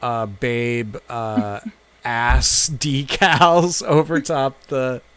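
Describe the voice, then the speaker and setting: Slow, relaxed man in casual podcast chat. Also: mid-range voice, clean tone, no echo. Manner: laid-back, halting, with many fillers. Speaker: podcast co-host.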